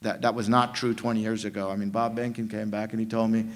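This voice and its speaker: A man in his fifties, from Jamaica, speaking on a conference panel into a table mic, animated and prone to restarting his sentences. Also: fairly low pitch, quick pace, slight background noise. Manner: animated storytelling with frequent restarts. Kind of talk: panel discussion. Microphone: table mic on stand.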